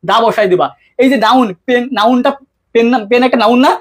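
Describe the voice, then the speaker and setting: A man teaching an English grammar lesson, constantly asking his students questions and answering them himself in a casual, colloquial way. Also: extremely high pitch. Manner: quick-talking, keeps asking students questions; colloquial, mixes English terms into speech. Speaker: English tutor. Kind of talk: online exam-prep lesson.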